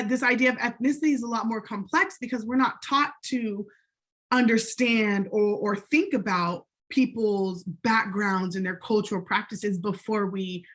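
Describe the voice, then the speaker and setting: Conversational woman lecturing on sociology. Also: medium pitch. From United States. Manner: conversational, frequent "right?" and "um". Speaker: sociology instructor. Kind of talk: recorded college lecture.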